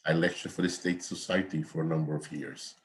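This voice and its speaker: A brisk, rumbling low voice with little pitch movement belongs to an older man from Guyana. As an accounting professor, he rambles through an online class from home via video call, repeating points and straying into asides.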